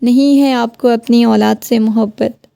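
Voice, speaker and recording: A woman's voice: a little high, fairly even intonation, vocal fry, dark tone, dry recording. A woman voicing a heartbroken young wife who keeps pleading with her husband. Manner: pleading, questioning.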